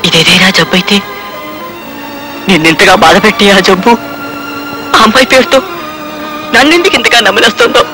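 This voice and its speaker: A man's voice: sits high, animated, brisk, long pauses. An actor playing a lovesick younger brother who tearfully laments that he cannot forget a girl, with film music underneath. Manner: mournful, self-pitying lament.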